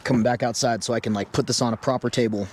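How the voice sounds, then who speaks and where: A man's voice: mid-range voice, fairly even intonation, rapid-fire, noisy background. A man chatting casually to his viewers while he cooks breakfast outdoors at a mountain campsite, vlog style. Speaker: camping vlogger. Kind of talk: casual vlog talk to camera. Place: outdoor mountain campsite, then inside a tent.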